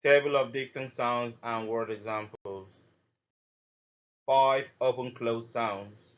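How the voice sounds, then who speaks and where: A man teaching a scripted phonetics lesson, deliberately reading out sounds and lists of example words one at a time. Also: medium pitch, steady tone. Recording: dull muffled lo-fi audio.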